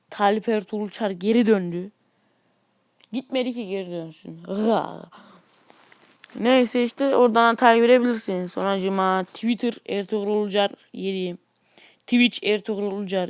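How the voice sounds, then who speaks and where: Male gaming YouTuber, high voice, dry close sound; loose, excitable play-by-play with grumbling asides. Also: clean tone, dry recording. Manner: excitable, grumbling at the game, chatty asides to viewers. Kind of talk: casual mobile gameplay commentary.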